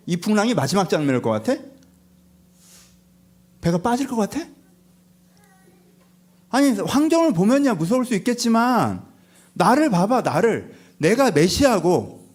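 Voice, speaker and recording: A male pastor giving a lively, conversational sermon, telling the story with rhetorical questions and acting out the people in it. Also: high voice. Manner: animated storytelling, acts out disciples and Jesus, rhetorical questions. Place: church sanctuary.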